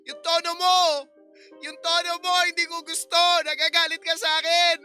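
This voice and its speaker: A woman's voice: extremely high pitch, level tone, normal speed, sharp tone, faint music behind. A woman voicing a simple-minded, childlike young husband in a radio drama, talking in repetitive, insistent phrases. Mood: fixated, insistent.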